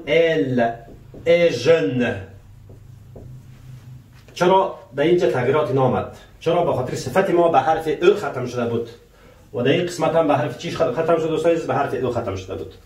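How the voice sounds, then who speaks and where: With a slightly high, darkish voice, a male teacher patiently explains French in Persian and quizzes viewers through rhetorical questions, calling them dear friends. He speaks the French example sentences slowly and carefully, recorded distantly in an echoey room.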